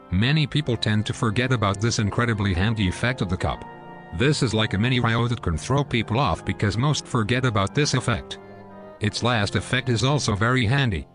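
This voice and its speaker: A man's voice: lowish voice, a bit bright. A male text-to-speech robot voice steadily reading out a scripted explanation of a card game deck.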